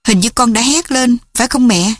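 A woman's voice: on the high side, moderate pace, no room sound, studio quality, voice pushed up, natural voice. A woman voicing a frightened young girl who cries out and sobs for her mother. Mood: flustered. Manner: wailing, sobbing cries.

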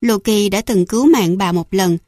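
A woman's voice: mid-range voice, normal speed, dark tone, no room sound, studio quality. A woman reading a first-person fantasy audiobook, narrating in a dramatic, emotional way.

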